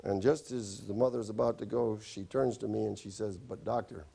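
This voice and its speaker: A man's voice: on the low side, fairly even intonation, brisk, creaky, mellow, husky. A man who is a doctor, telling chatty, wry anecdotes in a health lecture. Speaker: doctor giving a stop-smoking talk.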